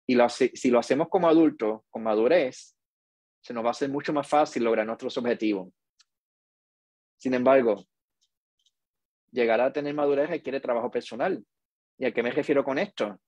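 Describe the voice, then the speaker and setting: A middle-aged man speaks as a podcast host, slow, measured and earnest. His voice sits at an ordinary middle pitch. The sound is dry and close, with no room around it. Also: darkish tone, dry recording. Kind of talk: reflective podcast monologue.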